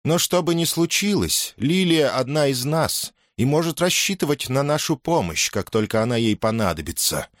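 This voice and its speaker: A man's voice: medium pitch, big pitch swings, normal speed, hardly any pauses, no echo, pitched above the performer's own voice, close to an everyday voice. Aloof forest shapeshifter woman, put on by a man, cool, close and dry. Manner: cool and assured. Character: fox turned woman, cold forest spirit.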